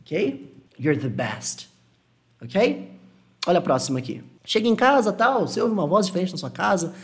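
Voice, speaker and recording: A man with a Brazilian Portuguese accent teaching an English lesson, explaining patiently and slowing down to model English phrases. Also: high voice, very animated. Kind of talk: online language lesson.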